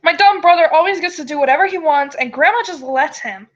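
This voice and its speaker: A woman's voice: high-pitched, brisk, muffled recording, pitched above the performer's own voice, lightly acted. A woman voicing a whiny, aggrieved young child in a storybook tale. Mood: sulky.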